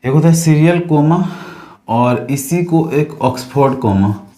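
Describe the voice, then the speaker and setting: A man's voice: on the high side, lively intonation, measured pace, mellow, roomy sound. A man teaching a casual grammar class, repeating phrases and checking that the viewers understand.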